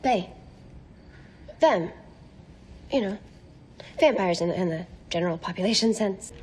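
An actress playing a quippy, flustered young female vampire slayer with an American accent and a halting, rambling delivery in a television drama. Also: medium pitch, expressive, a little mellow, husky. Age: young adult.

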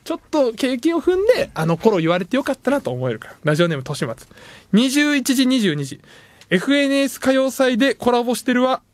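A man hosting a late-night radio show, reading listener messages in playful, self-mocking banter and jumping suddenly into higher tones. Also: big pitch swings, fast. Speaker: radio host. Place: radio studio. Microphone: studio microphone.

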